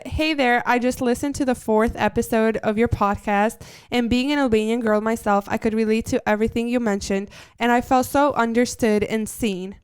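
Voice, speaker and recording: A young woman co-hosting a casual podcast, speaking in an earnest, measured way. Her voice is exceptionally crisp and resonant, and sits a little high. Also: fairly even intonation. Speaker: podcast co-host. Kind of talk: casual chat.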